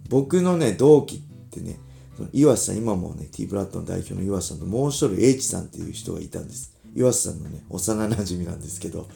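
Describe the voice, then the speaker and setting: A man in his forties from Ibaraki, Japan, hosting a casual solo podcast in a relaxed, chatty way with lots of filler asides. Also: sits low, gravelly. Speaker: podcast host, former pro fighter.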